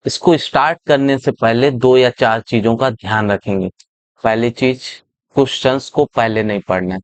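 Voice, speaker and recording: Slow, smooth male teacher. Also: medium pitch, no echo. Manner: slow, step-by-step explaining, repeats phrases, reads English lines very slowly. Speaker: English teacher. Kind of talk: exam-prep lesson explaining a reading passage.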